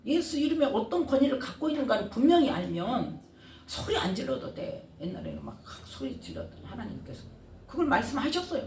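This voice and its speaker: A woman's voice: on the high side, brisk. A woman pastor preaching a sermon, engaging the congregation with frequent questions and answers. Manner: animated preaching with call-and-response questions. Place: church sanctuary. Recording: roomy echo, distant mic, faint room noise.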